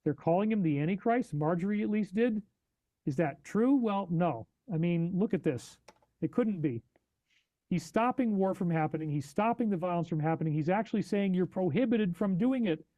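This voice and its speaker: A man hosting a live podcast stream, reacting to news and chat with animated, incredulous questions. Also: high voice, normal speed, no room sound, highs cut off. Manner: reads chat donations aloud. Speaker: podcast host.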